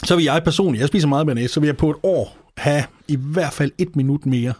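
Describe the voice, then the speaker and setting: A man's voice: fairly high pitch, darkish tone, dry recording, studio quality. A man from Denmark hosting a podcast, chatting with playful, ranting exaggeration. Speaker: podcast host. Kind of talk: comedic casual chat.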